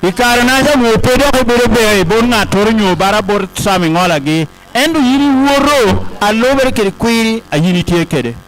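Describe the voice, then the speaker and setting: Male interpreter, high-pitched voice, podium speech delivery, short relayed phrases. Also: animated, fairly quick, hardly any pauses, fairly bright tone, low-quality recording. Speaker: consecutive interpreter at a ceremony.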